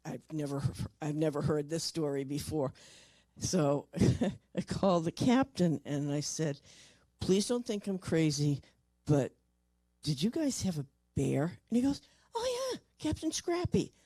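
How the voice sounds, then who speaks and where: Paranormal investigator with a mellow voice and dry sound, a lively storyteller who plays the people in the story. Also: mid-range voice, measured pace, dry recording. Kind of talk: storytelling talk at a convention. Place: convention stage or panel room.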